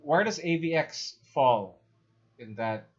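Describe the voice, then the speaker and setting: A man's voice: fairly high pitch, lively intonation, takes it slowly. A man co-hosting a casual podcast, talking loosely with swearing and calling his friend bro and dude. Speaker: podcast co-host. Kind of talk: casual chat. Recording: dull lo-fi sound.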